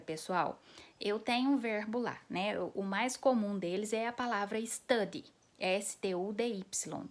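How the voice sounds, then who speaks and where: A woman with a mid-range voice teaches an English grammar lesson patiently, as in a classroom, going through each rule step by step. She slows down to spell out letters and checks in often with her students.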